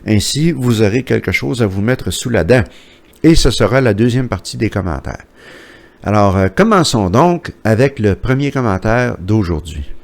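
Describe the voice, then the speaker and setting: A man's voice: lowish voice, expressive, normal speed, vocal fry. A man with a Québécois accent, chatting casually as he reads out viewer comments, with frequent hesitations. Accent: Québécois French. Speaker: YouTuber reading viewer comments.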